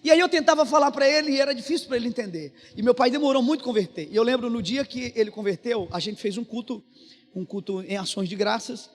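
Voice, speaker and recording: A man's voice: very high voice, fast. A Brazilian man preaching a sermon, telling a personal story in an earnest, conversational way. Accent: Brazilian Portuguese. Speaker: pastor. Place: church. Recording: reverberant church hall with music behind.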